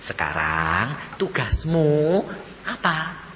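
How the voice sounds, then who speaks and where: Deceiving male spirit in a sermon story, coaxing and measured, voiced by an older man, echoey slightly dull hall. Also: on the high side, very animated, slight background noise, voice pushed up, exaggerated voice.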